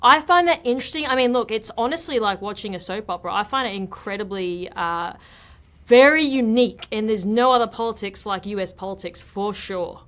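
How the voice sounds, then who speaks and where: A woman's voice: medium pitch, a little fast, fairly bright tone. A woman from Australia with an Australian accent, a podcast guest chatting casually in a direct, talkative way. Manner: chatty and direct, leans on "look" and "like". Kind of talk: casual interview chat.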